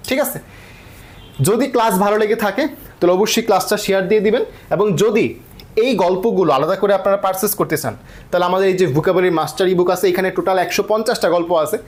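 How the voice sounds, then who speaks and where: A man teaching English vocabulary in an online class, explaining patiently and often checking that students follow. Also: sits high.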